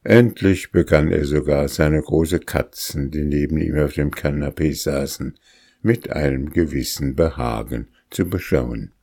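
A man reads a classic tale aloud at an unhurried, measured pace. His voice sits very low. The recording is dry and close, with no room echo. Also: a little mellow. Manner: measured, deliberate storytelling. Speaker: narrator. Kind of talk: audiobook reading of a classic tale.

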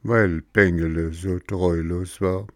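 A man doing a beetle's mournful monotone chant. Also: low-pitched, slow pace, dry recording, studio quality, exaggerated voice.

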